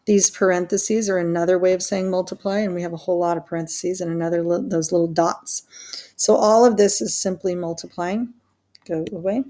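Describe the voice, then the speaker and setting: A woman's voice: fairly low pitch, fairly even intonation, a little fast, dark tone. A woman teaching a math lesson, chatty and self-deprecating, laughing at her own slips as she works through examples. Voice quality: creaky. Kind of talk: recorded worksheet walkthrough lesson.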